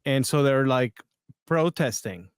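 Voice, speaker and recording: Podcast guy chatting over clips, smooth clear voice, dry sound, kinda hesitant, lots of restarts. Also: mid-range voice, lively intonation, unhurried, no echo. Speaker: podcast host. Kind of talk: casual commentary on video clips.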